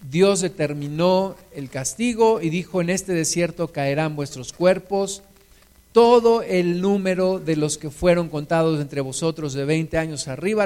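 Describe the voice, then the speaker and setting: A man preaching a sermon, animated, who mimics complaining voices and asks his listeners rhetorical questions. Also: sits high, smooth. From Mexico.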